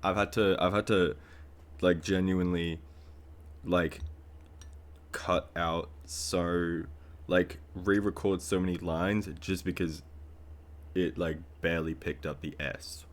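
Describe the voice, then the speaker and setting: A man with a low voice gives casual reaction commentary on a song. He rambles, piling up fillers and false starts. His tone stays relaxed and conversational. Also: slow, pauses often. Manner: rambling, with many fillers and restarts. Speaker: music reaction streamer.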